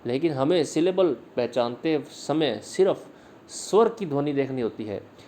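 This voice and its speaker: A male English literature teacher gives a slide-based video lesson, patiently repeating words slowly and explaining every line on each slide. His voice is on the high side, animated and mellow, with slight background noise.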